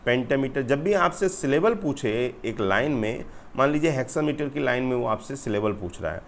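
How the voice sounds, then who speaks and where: A male teacher delivers an exam-prep lecture at a middle pitch, explaining step by step and calling his viewers friends. He slows almost to a crawl whenever he reads a question aloud. A faint hiss of background noise sits under his voice. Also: animated, gravelly. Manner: explains patiently, keeps addressing viewers as friends; slows sharply to read English questions aloud.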